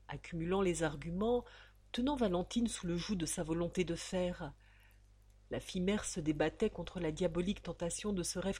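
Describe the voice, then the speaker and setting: Husky woman reading a melodramatic novel. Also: fairly low pitch. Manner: melodramatic, expressive narration. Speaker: audiobook narrator.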